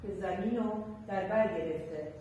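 A woman teaching an English class, spelling and repeating words slowly for her pupils. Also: medium pitch, warm tone. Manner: slow, spelled-out word drills with repetition. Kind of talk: classroom lesson explaining vocabulary. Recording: echoey, distant room mic with faint noise.

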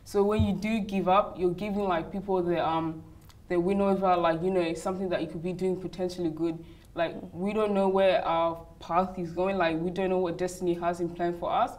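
Brief: young woman, lower voice, chatty interview guest, lapel mic. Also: level tone, moderate pace, darkish tone. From Uganda, raised in Australia. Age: young adult. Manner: chatty, many "like" and "you know" fillers. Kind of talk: casual interview answers. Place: hotel lounge, indoors.

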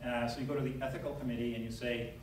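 Speaking rapid-fire with little pitch movement, this medium-pitched middle-aged man, a neurosurgeon, tells a filler-heavy story during a conversational conference talk at a lectern. He's in a large lecture hall, captured from far off by an audience camera at the back, giving a very echoey sound with a little hiss or hum.

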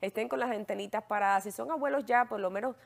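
A woman's voice: mid-range voice, quick pace, vocal fry. A woman hosting a talk show, prompting her guest and emphatic in casual chat.

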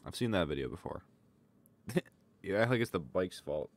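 A man's voice: deep voice, expressive, normal speed. A young man giving loose, casual running commentary on fail clips, full of exclamations. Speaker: reaction video creator.

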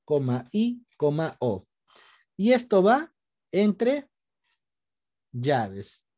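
Male teacher, patient and step-by-step, video call, very animated pitch. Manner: patient, explains step by step, asks students questions. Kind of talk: online class lesson.

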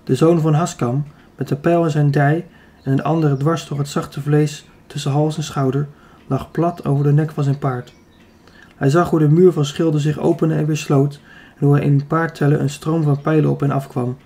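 A man's voice: on the high side, normal speed, slightly rough. A man reading a youth adventure novel aloud as an audiobook narrator, telling it steadily and evenly. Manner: steady, even storytelling. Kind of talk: scripted narration.

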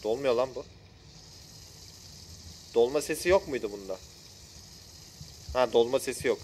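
A man's voice: mid-range voice, animated, measured pace, darkish tone, slight background noise. A young Turkish man commenting on a game during a live stream, often frustrated and talking to his chat. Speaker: gaming streamer. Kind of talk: live let's-play commentary.

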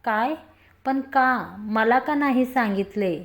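A woman's voice: fairly high pitch, steady tone, unhurried, lightly acted. Woman voicing a bold teasing young man. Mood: scolding. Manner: playful mocking then scolding.

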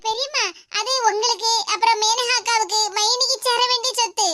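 A woman voicing a sorrowful, mistreated young daughter-in-law in an animated cartoon, speaking a southern Tamil Tirunelveli-Kanyakumari dialect in a tearful, pleading way. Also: very high voice, fairly quick, a little hiss or hum.

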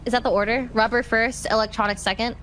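A young woman chatting in character in a roleplay game, bubbly and animated, often giggling. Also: a little high, fast, slight background noise. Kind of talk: casual in-character roleplay chat.

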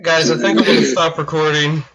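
A man's voice: on the high side, brisk, creaky, crowd noise, low-quality recording. A young American man hosting a casual group voice chat, joking crudely and laughing hard. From United States. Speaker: host recording the podcast.

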